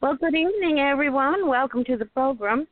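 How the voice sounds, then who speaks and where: A woman's voice: high-pitched, lively intonation, a little fast, no room sound. A middle-aged or older woman with a Rhode Island accent, chatting casually as host of a talk show. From Rhode Island, USA. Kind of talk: casual panel chat. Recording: tinny phone-like internet call audio.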